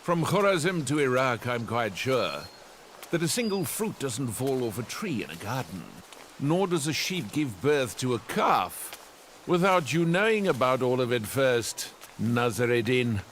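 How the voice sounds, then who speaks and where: An actor dubbing a calm, dry-witted male emir in a historical drama. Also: mid-range voice, measured pace, slight background noise. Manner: dry, pointed. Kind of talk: English dub of a historical drama.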